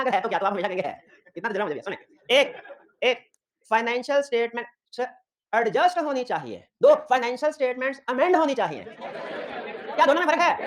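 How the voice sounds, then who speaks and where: A man giving an audit lecture, who keeps checking whether his students follow and mixes in stories from his own work as an auditor. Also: extremely high pitch. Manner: lively teaching with personal anecdotes. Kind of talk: classroom lecture.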